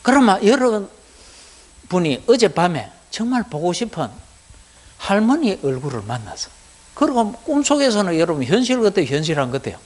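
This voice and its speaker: A middle-aged man with a Gyeongsang accent giving a Buddhist lecture to lay students, keeping it animated by asking the class rhetorical questions. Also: high voice, moderate pace. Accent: Gyeongsang Korean.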